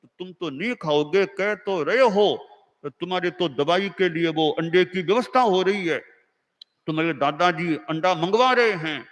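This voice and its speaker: A devout mother speaks earnestly, urging her young son to hold firm, played by a man in a sermon story. Her voice sits high and carries a long reverb in a large hall. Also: a little slow, fairly bright tone.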